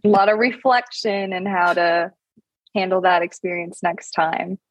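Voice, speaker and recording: A woman's voice: on the low side, measured pace, no room sound, poor audio. A woman co-hosting a podcast, affirming and building on the host's points. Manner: affirming, finishes the host's thoughts. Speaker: podcast co-host. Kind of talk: reflective podcast conversation.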